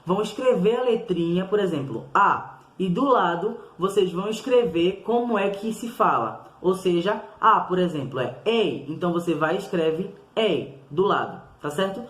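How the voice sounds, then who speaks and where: A man, a primary school teacher giving a recorded lesson to children, patiently repeating each sound slowly and clearly. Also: sits high, animated, echoey room.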